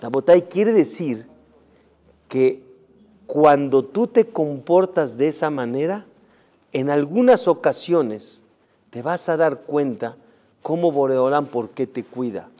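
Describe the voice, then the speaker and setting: A man, a rabbi, telling a story in a sermon, acting out the characters' lines and swinging between loud outbursts and near-murmurs. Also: on the high side, lively intonation, slow.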